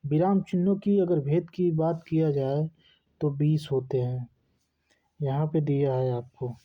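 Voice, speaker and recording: A man's voice: fairly high pitch, fairly even intonation, a little slow. A man teaching a lesson, asking questions and answering them himself. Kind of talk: classroom lesson. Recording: dull lo-fi recording.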